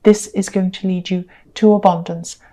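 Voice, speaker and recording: A woman's voice: fairly low pitch, flat delivery, moderate pace, warm tone. A woman giving a tarot card reading, talking earnestly and reassuringly with frequent fillers and repetitions. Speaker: tarot reader.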